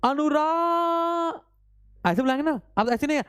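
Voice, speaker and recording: A man teaching a live online grammar class, constantly quizzing his students with quick repeated questions and urging them to answer fast. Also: very high voice, a little mellow, clear, resonant tone. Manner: urges students to answer fast, mock-scolding; reads out student names from chat.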